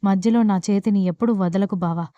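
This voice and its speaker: A woman's voice: mid-range voice, fairly quick, dark tone, dry recording, muffled recording, close to an everyday voice. Woman reading as a pleading devoted young bride. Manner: pleading, tearful appeals.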